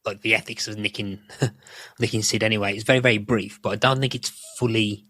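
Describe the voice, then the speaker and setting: A middle-aged man co-hosting a podcast chats casually about a TV show, rambling and correcting himself. His voice is on the low side, steady and sharp, and he talks fast, recorded with no room sound.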